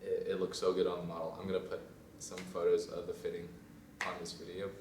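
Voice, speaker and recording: A young man, a fashion design student, chatting casually in a vlog, rambling and trailing off into quiet asides. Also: low voice, completely flat delivery, quick pace, distant mic, a little hiss or hum. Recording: roomy sound from off mic, faint ambience.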